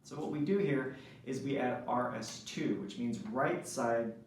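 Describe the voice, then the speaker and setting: A man's voice: mid-range voice, measured pace, a little hiss or hum. Echoey saxophone teacher man explaining. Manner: explanatory, frequent "right?" checks. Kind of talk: instructional lesson. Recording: echoey room, mic at a distance.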